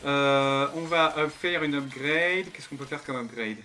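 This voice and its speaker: Speaking a little slowly in a mid-range, sharp-toned voice, a man streams a game, chatting to viewers in slangy, casual commentary and reading dialogue aloud. Music runs behind him, along with a slight hiss or hum.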